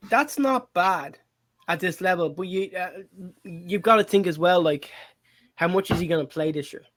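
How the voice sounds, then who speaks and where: A man with an Irish accent co-hosting a casual football podcast, excitable, swearing and laughing often. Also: high voice, normal speed. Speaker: podcast co-host.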